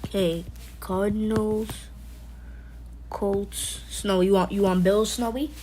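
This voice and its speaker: A woman's voice: medium pitch, fairly even intonation, takes it slowly, mellow, slight background noise, poor audio. A woman hosting a casual live stream, joking around, rambling loosely and calling out to viewers by name. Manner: playful, jokey, talks to chat by name; loose and rambling, frequent fillers and restarts. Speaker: livestream host.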